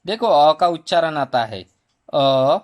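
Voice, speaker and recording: A man teaching a primary school Hindi lesson, slowly sounding out each letter and vowel sound for children. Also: on the high side, lively intonation. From India. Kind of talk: slow spelling lesson for children.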